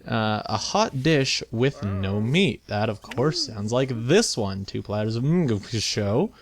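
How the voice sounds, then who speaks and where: A man's voice: mid-range voice, big pitch swings, slow. Chatty man doing game commentary. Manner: chatty, thinking aloud. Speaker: video game let's play host. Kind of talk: casual game commentary to viewers.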